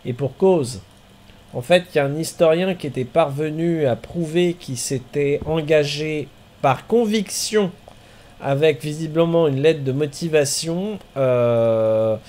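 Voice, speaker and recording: Male streamer, slowish and a bit high, chatty commentary with excited outbursts. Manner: slow, chatty, bursts of excited exclamations. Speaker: streamer playing a marbles race game.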